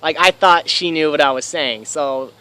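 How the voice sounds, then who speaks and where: A young man in his twenties telling a story casually to camera, excitable, swearing freely and laughing often. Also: fairly high pitch, normal speed, clear, resonant tone. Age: 20s. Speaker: vlogger. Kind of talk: casual first-person storytelling.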